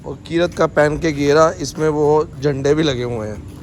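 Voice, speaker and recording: With traffic and street noise all around, a man records a relaxed family vlog on a busy shopping street, joking and narrating the scene as it unfolds. He speaks at a moderate pace in a voice on the high side, and the outdoor recording is noisy.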